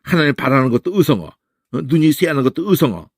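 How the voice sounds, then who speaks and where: Gravelly-voiced male Bible teacher. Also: a little high, quick pace, dry recording, studio quality. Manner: animated, peppers talk with questioning "eh?" tags. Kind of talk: Bible study lecture.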